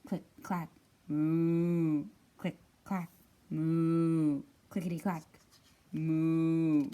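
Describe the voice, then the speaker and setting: A woman voicing busy storybook cows and ducks, chanting clacking sounds and animal calls in a steady rhythm. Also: sits low, extremely slow, clear, resonant tone, pitched below the performer's own voice. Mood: busy, rhythmic.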